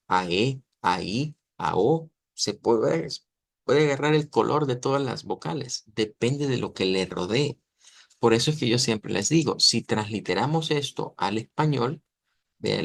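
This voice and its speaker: A man's voice: medium pitch, vocal fry, dry recording. A man, teaching an online language class. He explains patiently and keeps checking that his students follow. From Latin America. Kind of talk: online lesson explaining pronunciation.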